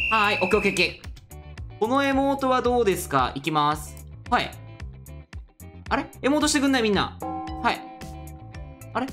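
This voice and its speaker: Lively Kansai-accented young woman gamer. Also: medium pitch. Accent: Kansai Japanese. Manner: chatty, animated, talks to viewers. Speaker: gaming YouTuber. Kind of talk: let's play commentary.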